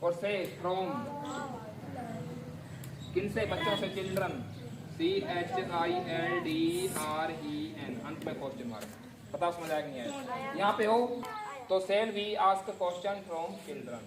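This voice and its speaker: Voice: mid-range voice, expressive, takes it slowly, pauses often, heavy background noise. A teacher giving a grammar lesson, spelling words out letter by letter and asking the class questions. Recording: echoey classroom from far off. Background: class of students answering.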